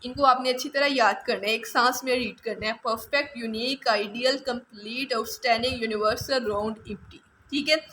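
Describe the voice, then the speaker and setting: Woman, Pakistani accent, grammar teacher, high bright voice, faint hiss behind. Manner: explanatory, repeats examples slowly, drills word lists. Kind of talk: exam-prep grammar lecture.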